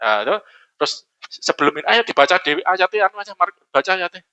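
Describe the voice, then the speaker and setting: A man preaching a lively, joking sermon in a church hall, often asking the congregation questions. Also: sits high, fast, smooth, muffled recording. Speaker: pastor.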